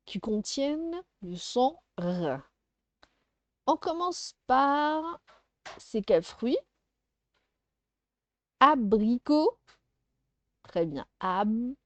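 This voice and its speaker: Slow, patient woman teaching phonics. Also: a little high, no room sound, muffled recording. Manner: slow, patient, sounds out syllables. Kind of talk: first-grade phonics lesson.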